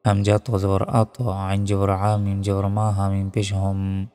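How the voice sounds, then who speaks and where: A man teaching Quran recitation who spells out each letter and vowel mark, then chants the words slowly. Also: low voice, monotone, warm tone. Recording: long hall reverb with faint music.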